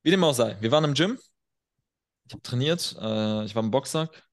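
A man's voice: mid-range voice, expressive, normal speed. A man chatting on a podcast as a guest coach, telling stories in a blunt, self-assured way. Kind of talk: casual podcast chat.

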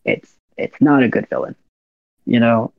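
A young man, a university student, chatting as an interview guest, soft-spoken and quick to laugh as he acts out little scenes. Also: mid-range voice, fairly even intonation, dry recording, phone-quality sound. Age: young adult. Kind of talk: casual interview chat.

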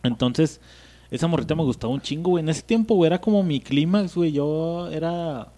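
A man's voice: fairly high pitch, lively intonation, a little fast, mellow. A man with a Mexican accent hosting a podcast in casual, slangy, rambling chat. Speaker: podcast host.

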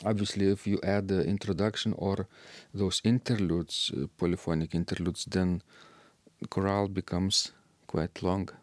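A man co-hosting a talk about organ music, speaking slowly and hesitantly with many fillers. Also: low voice, little pitch movement, dry recording. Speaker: podcast co-host discussing organ music. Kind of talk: casual discussion.

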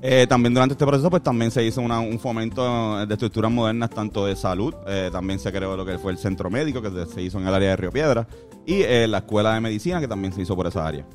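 A man with a Puerto Rican Spanish accent explaining things casually, in a halting, informal, slangy way. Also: lowish voice, soft background music. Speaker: podcast host telling local history. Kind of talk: casual explanatory talk from notes.

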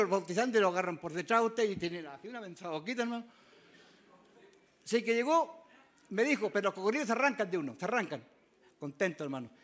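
A man with a Chilean accent, a missionary preacher telling a folksy testimony to a congregation, often calling listeners "brother" and bursting into loud exclamations. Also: high-pitched.

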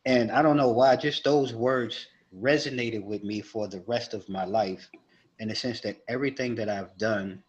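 A man from New York talks on a podcast with a fairly low voice. He is earnest and reflective, and he builds his points by repeating them. His tone is casual and conversational. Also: normal speed, muffled recording. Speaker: podcast co-host.

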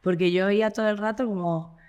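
A woman with a Spanish accent, a guest on a podcast interview, telling a story in a blunt, animated way with swearing. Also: mid-range voice, fairly quick, clear, resonant tone, muffled recording. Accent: Spain. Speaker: guest singer and activist.

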